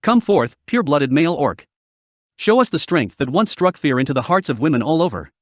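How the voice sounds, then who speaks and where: A man's voice: a little high, sing-song, a little fast, no echo, studio quality. A man voicing a pompous, solemn male penguin demon in an audiobook reading, with a grandiose, declaiming delivery. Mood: gloating.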